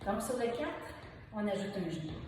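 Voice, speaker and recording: A woman's voice: mid-range voice, sing-song, normal speed. A woman with a Québécois French accent leading an aerobics class, cheerfully counting beats and encouraging while she exercises, a bit out of breath. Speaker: aerobics instructor. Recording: echoey hall, distant mic, background noise.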